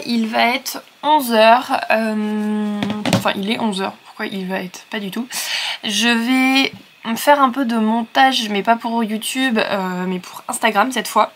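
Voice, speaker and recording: A woman's voice: a little high, a bit bright, slight background noise. Young French woman, book vlogger, rambling casual chat to a camera at home. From France. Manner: chatty, rambling, many fillers and self-corrections. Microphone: camera set on a surface.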